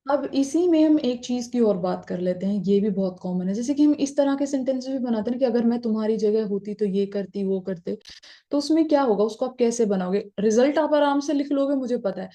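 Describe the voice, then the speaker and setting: Woman teacher, mellow, slightly high voice, chatty grammar explainer. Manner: chatty, asks and answers her own questions. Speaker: English teacher.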